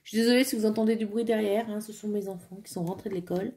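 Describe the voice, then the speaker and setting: A woman's voice: medium pitch, steady tone, very fast, a little mellow. A woman chatting casually at home while assembling a craft kit, thinking aloud with fillers and small "tac" sounds. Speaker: crafting vlogger. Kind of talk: casual hands-on crafting chat.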